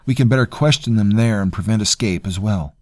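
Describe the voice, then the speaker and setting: A man voicing an officious, sneering nobleman who speaks in a smooth, condescending way. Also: fairly low pitch, a little fast, a little mellow, no echo, studio quality, pitched above the performer's own voice, close to an everyday voice.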